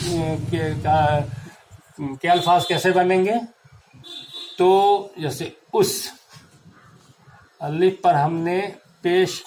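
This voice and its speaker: A man's voice: high-pitched, slight background noise, low-quality recording. Patient man teaching a grammar lesson. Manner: slow, patient, spells out letters and marks.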